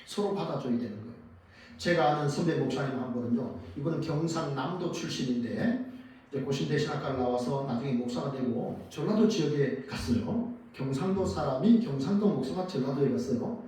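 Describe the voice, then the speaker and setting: A man's voice: mid-range voice, lively intonation, brisk. Man preaching in an echoey church. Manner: asks the congregation questions and answers them; dramatic rises and drops in loudness. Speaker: pastor. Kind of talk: sermon. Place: church sanctuary. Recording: very echoey church hall, mic at a distance.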